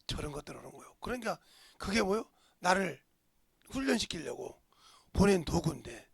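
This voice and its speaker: A man preaching a sermon as pastor, swinging from shouts to hushed whispers and pressing the congregation with rhetorical questions. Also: sits high, vocal fry, breathy edge, no room sound, clean studio sound.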